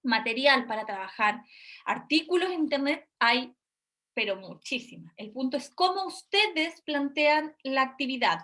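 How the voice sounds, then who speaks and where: Bright high-voiced woman lecturing. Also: expressive, a little slow. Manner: explanatory, checks in with "¿ya?". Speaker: university lecturer in speech therapy. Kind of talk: recorded online lecture.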